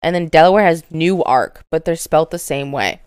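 A young woman co-hosting a casual podcast chat, animated and quick to laugh. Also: low-pitched, smooth, dry recording, clean studio sound. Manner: animated, laughs often, shrieks when amused. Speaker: podcast co-host.

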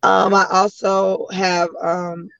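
An American woman from the Chicago area with a slightly hoarse voice, answering as a guest speaker and advocate in a conversational interview. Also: medium pitch, little pitch movement, slow, fairly bright tone, no room sound, dull audio. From Chicago area, United States. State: a little hoarse.

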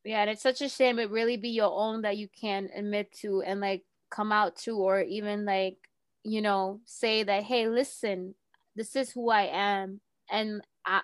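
A woman's voice: medium pitch, smooth, no echo. A young woman hosting a casual chat, talking freely with many fillers. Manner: chatty, frequent "like" fillers.

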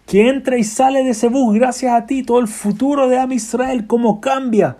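A man voicing a revered old male sage who speaks earnestly and persuasively, his pitch lifted. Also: fairly even intonation, normal speed, warm tone. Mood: earnest urging.

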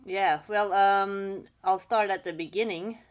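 A woman's voice: mid-range voice, steady tone, a little slow. A woman, an English speaker telling her own story candidly and casually as an interview guest. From Belgium. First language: not English. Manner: candid, casual, many "like" fillers. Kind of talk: personal storytelling.

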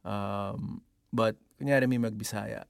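A man's voice: lowish voice, steady tone, unhurried, creaky, dry recording, clean studio sound. A Filipino-accented man musing in a casual, profane, rambling podcast monologue. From Philippines. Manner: rambling, profane, switches between English and Tagalog. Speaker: podcast host.

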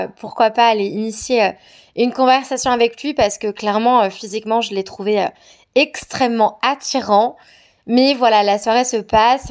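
A woman from France telling a personal anecdote in a candid, hesitant, conversational way. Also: on the high side. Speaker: storyteller. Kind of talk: personal anecdote told to camera.

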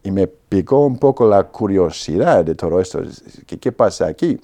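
Low mellow-voiced man telling his story. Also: animated, moderate pace. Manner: storytelling with frequent "¿no?" tags and restarts. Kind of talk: personal testimony in an interview.

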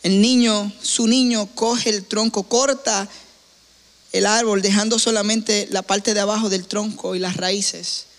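A man preaching a sermon, retelling a story slowly and deliberately, with pauses. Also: high-pitched, steady tone, a bit bright. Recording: long hall reverb.

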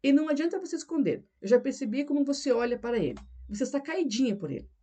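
A woman's voice: high-pitched, sing-song, racing, mellow, voice pushed up. A woman reading the lines of a tense husband in an audiobook, pressing his wife with accusing questions. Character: tense, pressing married man, middle-aged.

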